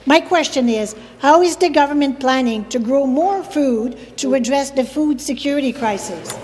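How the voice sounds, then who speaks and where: High-pitched older woman reading in parliament. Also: normal speed, darkish tone. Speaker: member of provincial parliament. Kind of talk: read parliamentary question. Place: large legislative chamber. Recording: echoey legislative chamber.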